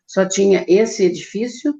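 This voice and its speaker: Very gravelly older Brazilian woman. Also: mid-range voice, unhurried, mellow, dull audio. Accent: Brazilian Portuguese. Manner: storytelling with acted quotes of herself. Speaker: guest giving testimony. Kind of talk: personal testimony.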